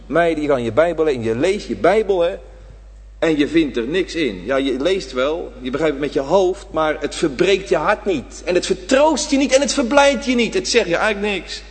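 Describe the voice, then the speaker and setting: A man preaching a sermon to his congregation, swinging between loud emphatic lines and hushed ones. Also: a little high, expressive, normal speed, breathy edge. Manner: addresses the congregation directly. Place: church. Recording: reverberant church hall.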